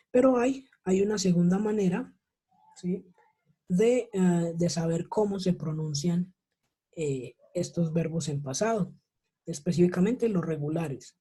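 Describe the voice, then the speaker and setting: A woman's voice: fairly low pitch, warm tone, husky, low-quality recording. A woman teaching an online English class in Spanish with a Colombian accent, explaining patiently and often checking in with her students. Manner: patient, explanatory, checks in with frequent tag questions.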